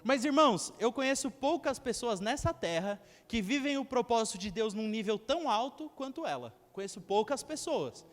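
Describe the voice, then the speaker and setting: A young male preacher with a strikingly high voice gives a sermon. He tells stories and acts out short quotes, addressing the congregation directly. His voice rings with a long church reverb. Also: lively intonation, normal speed, hardly any pauses. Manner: storytelling with acted quotes and asides to the congregation.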